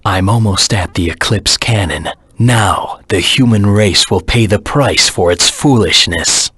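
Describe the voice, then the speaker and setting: Low, husky, brooding Shadow the Hedgehog. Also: male voice, measured pace, sharp tone, no echo, studio quality, full character voice. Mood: menacing, resolute. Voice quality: low, husky, gravelly rasp. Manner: grim, terse, dramatic delivery. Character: brooding, vengeful dark anti-hero hedgehog. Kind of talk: video game voice acting.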